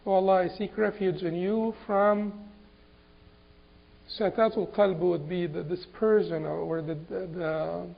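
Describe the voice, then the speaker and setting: Man from Egypt, Islamic lecture, high voice, halting, repeats words, dull lo-fi recording. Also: steady tone, creaky.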